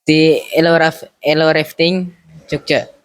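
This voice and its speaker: A man's voice: on the high side, level tone, slow, slight background noise. Young man from Semarang, brief answers. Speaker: interviewed student.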